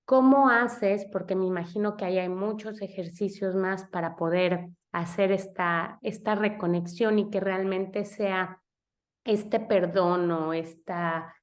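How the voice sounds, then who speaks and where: A woman hosting a podcast interview, chatting in a reflective way with frequent tag questions. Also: fairly low pitch. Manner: warmly reflective, frequent "no?" tags, restarts. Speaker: podcast host. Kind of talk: casual interview chat.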